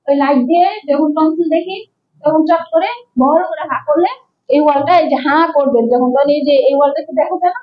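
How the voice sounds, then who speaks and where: In a dull-sounding recording, a young Bangladeshi woman with a Bengali accent gives a medical lecture, explaining with patience, questioning her class and going back over key terms. Her voice is high-pitched and fairly quick.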